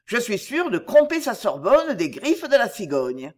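Cunning master criminal, read by a narrator, coaxing, confiding, lively pitch. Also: unhurried. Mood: persuasive.

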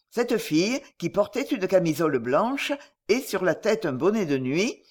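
A woman narrating a classic novel as an audiobook, in expressive, steady storytelling. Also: on the low side.

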